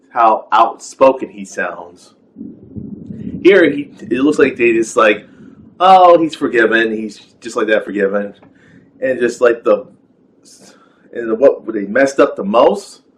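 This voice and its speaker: A man's voice: fairly low pitch, fairly bright tone, rough recording. A man giving a rambling, casual rant as a film reviewer, full of fillers and exasperated rhetorical questions.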